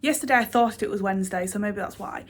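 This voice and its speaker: A young woman who vlogs about books talks fast in a mid-range voice, clearly congested with a cold. Her casual camera chat rambles and loops back on itself, heavy with ums and self-deprecating asides, as she catches viewers up on her reading and busy week.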